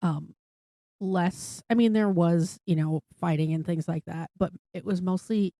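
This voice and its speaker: A woman's voice: fairly low pitch, a little slow, mellow, no room sound. A woman co-hosting a podcast in casual chat, swearing freely and saying "like" a lot. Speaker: podcast co-host.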